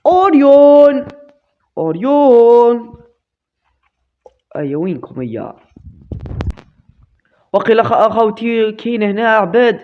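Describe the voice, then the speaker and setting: A man with an Algerian accent giving excitable gameplay commentary, shouting and making gunfire noises with his mouth. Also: high-pitched, normal speed, long pauses, phone-quality sound, slight background noise. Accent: Algerian Arabic. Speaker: gaming channel host.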